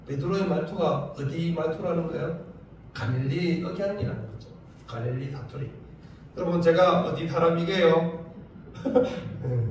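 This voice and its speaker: A male pastor with a Gyeongsang Korean accent, preaching a lively sermon with rhetorical questions and humor. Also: on the high side, a little hiss or hum. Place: church sanctuary. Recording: very echoey church from far off.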